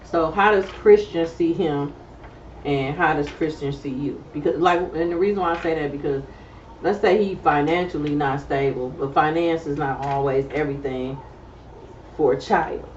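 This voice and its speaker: A middle-aged woman speaks, candid and relaxed, full of fillers. She sits back from the microphone in a roomy space, and the recording is a little dull. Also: low-pitched, moderate pace, a little hiss or hum. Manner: candid, loose conversational talk with many fillers. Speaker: podcast co-host. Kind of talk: casual chat. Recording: roomy, distant, slightly dull sound.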